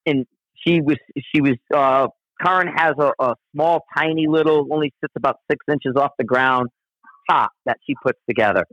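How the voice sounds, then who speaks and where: A man's voice: fairly high pitch, normal speed, a bit bright, no echo. A man telling a long outdoor story in casual conversation, rambling and profane, with frequent restarts. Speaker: guest storyteller. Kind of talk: casual spoken anecdote. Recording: dull, dry lo-fi recording.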